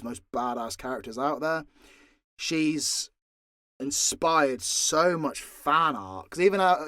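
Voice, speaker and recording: In a relaxed, unscripted Q&A, a voice actor and audio creator responds to fans candidly and off the cuff, swearing freely. He has a medium-pitched, fairly bright voice, and the dry recording has clean studio sound.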